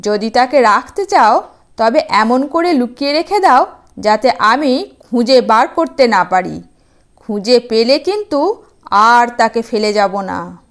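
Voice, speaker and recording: Lady doing a mean stubborn demon guy from a kids story, slow threatening drawl, swingy pitch. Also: expressive. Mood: menacing. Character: wicked demon, male, menacing and stubborn.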